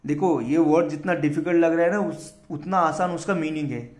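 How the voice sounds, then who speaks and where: Echoey, higher-voiced Indian vocab teacher. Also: male voice, brisk, a little mellow. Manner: spells words letter by letter, explains in Hindi. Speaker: vocabulary teacher for exam prep. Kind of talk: casual spoken lesson.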